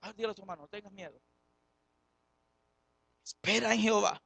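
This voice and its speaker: Gravelly, impassioned preacher. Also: mid-range voice, steady tone, a little fast, a bit bright, no room sound. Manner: impassioned, acts out biblical dialogue; questions the congregation directly. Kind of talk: sermon. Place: church service, streamed live.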